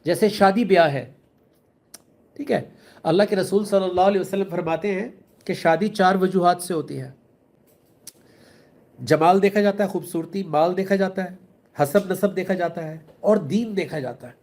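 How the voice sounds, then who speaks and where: A man's voice: sits high, pauses often, a little mellow. A man with a Pakistani accent giving an earnest religious talk, explaining with everyday examples and mixing in English words. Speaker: Islamic speaker.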